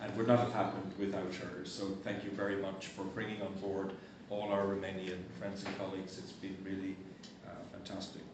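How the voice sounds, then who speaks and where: A man chairing a conference, giving courteous, brisk closing remarks and thanks in a university hall. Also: deep voice, monotone. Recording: echoey hall, distant mic, noisy.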